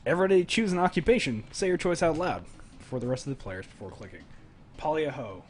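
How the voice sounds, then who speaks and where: A man's voice: on the high side, very animated, fast talker, a little mellow, soft background music. A man on a live stream reading a dating sim game's text aloud, joking and playful. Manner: joking, playful, breaks into laughter. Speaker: streamer and game narrator.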